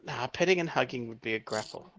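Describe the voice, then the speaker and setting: A man's voice: mid-range voice, expressive, quick pace, fairly bright tone. A man playing in a tabletop role-playing game, joking around and hesitating with many ums. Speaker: player. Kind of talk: casual banter at a tabletop game. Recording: dull lo-fi call audio.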